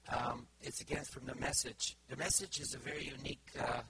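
Speaking English with a Bulgarian accent, a middle-aged man preaches to his congregation in a loose, informal way, his speech broken by pauses, fillers and restarts. His voice is mid-range and level in tone, and noticeable background noise runs under the live recording.

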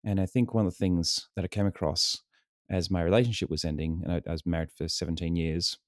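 An Australian man in his late thirties, his accent worn slightly toward American, talks earnestly and reflectively as a podcast guest. His voice sits very low. The recording is close and dry. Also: steady tone, quick pace, dry recording. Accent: Australian, softened toward American. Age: 30s. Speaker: guest singer-songwriter. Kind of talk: casual interview chat.

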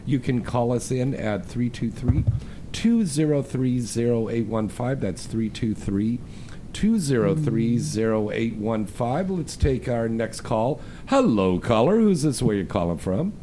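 Man, call-in radio host. Jokey, exclamatory, highly animated pitch; slight background rumble. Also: measured pace. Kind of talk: casual chat, live call-in radio show. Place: radio studio.

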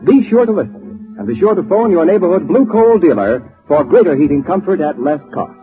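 A man's voice: a little high, big pitch swings, a little fast. An American man announcing in the dramatic, formal, scripted style of 1940s radio. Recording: muffled old radio recording, faint music behind.

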